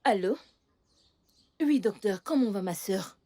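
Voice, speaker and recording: A woman dubbing a stern, sharp-tongued aunt into French for a Nigerian film. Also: mid-range voice, lively intonation, unhurried. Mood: shocked grief. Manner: scolding and impatient. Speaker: aunt of a young girl.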